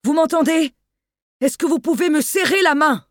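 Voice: high-pitched, moderate pace, fairly bright tone, no room sound, studio quality, voice pushed up. A narrator playing a barking, commanding doctor. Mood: urgent. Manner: barking urgent orders. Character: authoritative male doctor taking charge.

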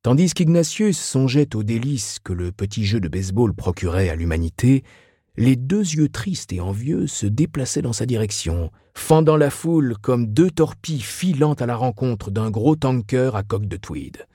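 A man reading a novel aloud as narrator, in a lively, expressive way. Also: medium pitch, moderate pace, husky, no echo, clean studio sound. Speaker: audiobook narrator. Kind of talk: scripted narration.

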